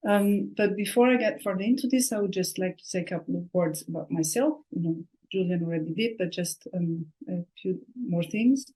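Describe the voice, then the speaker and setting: A woman from Austria giving a prepared online talk as a researcher, speaking thoughtfully and often pausing on fillers and restarts. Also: on the low side, dark tone, low-quality recording.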